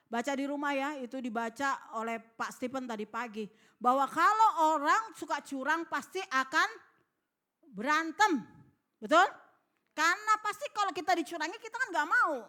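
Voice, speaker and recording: A high-pitched, middle-aged woman pastor preaches in church. She tells her story in a lively way, slipping into the voices of its characters. She keeps asking her listeners to answer her. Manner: animated, acts out voices in her stories, asks the congregation for responses. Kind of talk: sermon with storytelling. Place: church hall.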